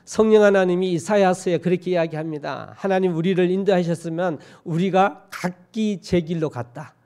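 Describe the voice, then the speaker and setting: A man's voice: sits high, normal speed, a little mellow. A man from Korea's Gyeongsang region preaching a sermon in a church, folksy and joking, often asking his congregation questions. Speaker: pastor. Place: church sanctuary.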